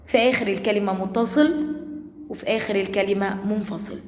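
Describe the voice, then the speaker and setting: A woman with an Egyptian Arabic accent giving a recorded lesson to young schoolchildren, stretching out each word slowly so they can repeat it. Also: medium pitch, steady tone, darkish tone, roomy sound, in a large hall. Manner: slow, drawn-out words for children to repeat. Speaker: primary school teacher.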